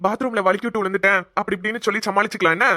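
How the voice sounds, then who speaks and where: In a Tamil cartoon, a woman voices an injured village husband lying in a hospital bed, speaking gently, affectionately, and tenderly. Her natural, mid-range voice is fairly even in intonation and delivered rapid-fire.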